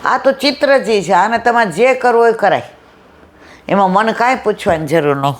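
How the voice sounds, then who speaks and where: A woman's voice: mid-range voice, expressive, moderate pace, slight background noise. Woman giving a storytelling devotional talk. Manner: storytelling, acting out dialogue, rhetorical questions. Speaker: satsang speaker. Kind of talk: devotional discourse with anecdotes.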